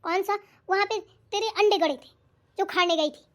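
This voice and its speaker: A woman voicing a bossy, sharp-tongued mother-in-law in a cartoon, scolding and taunting with old sayings. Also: very high-pitched, moderate pace. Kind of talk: cartoon voice acting.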